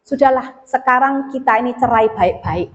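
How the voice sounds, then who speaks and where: A woman preacher quoting her irritable husband in a sermon, speaking in a slightly lower voice. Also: moderate pace, long reverb tail, dull audio, natural voice. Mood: resigned. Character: irritable husband, middle-aged man.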